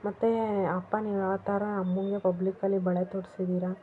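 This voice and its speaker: A woman's voice: mid-range voice, monotone, a little fast. A woman casually retelling a TV serial episode, quoting the characters' lines as she goes. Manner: retells scenes, voicing each character's lines in quotes. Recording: tinny phone-like audio, faint noise.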